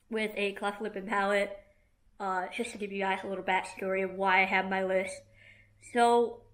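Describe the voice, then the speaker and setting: A YouTuber in her twenties with a lisp chats casually as she reacts to a video, speaking frankly and mildly critically with plenty of fillers. Her voice is medium-pitched and fairly bright, and the recording is rough.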